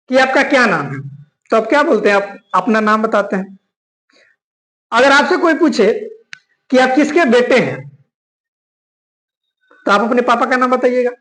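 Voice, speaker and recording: Woman, grammar teacher, animated sing-song delivery, somewhat high voice, repeats each point. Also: reverberant, low-quality recording. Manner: repeats key points, checks in with listeners. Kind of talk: classroom grammar lesson.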